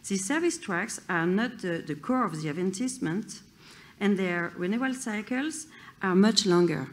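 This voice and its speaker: A woman with a French accent, reading a prepared conference talk with careful hesitations and restarts. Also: medium pitch. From France. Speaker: conference speaker.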